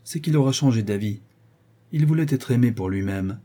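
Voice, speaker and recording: A man's voice: medium pitch, lively intonation, moderate pace, warm tone, lightly acted. A man voicing a proud, formal aristocratic countess in a read-aloud novel. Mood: cool.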